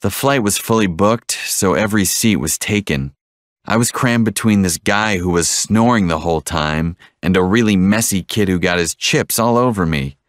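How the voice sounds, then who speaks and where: A man reading one side of a scripted English-lesson dialogue, repeating each line slowly and clearly. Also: low-pitched, no echo, clean studio sound.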